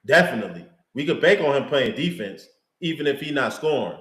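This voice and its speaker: A man's voice: mid-range voice, sing-song, fairly quick, a bit bright. A man co-hosting a live sports talk show, chatting in a laid-back, slangy way as a fan. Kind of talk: casual live sports chat. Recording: roomy echo.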